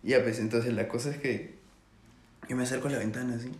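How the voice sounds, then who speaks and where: A man's voice: medium pitch, fairly even intonation, fast talker, darkish tone, slight background noise. Laughing young man, roomy sound. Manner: laughs a lot, crude slang. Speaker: podcast co-host. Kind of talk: casual storytelling chat. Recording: echoey room.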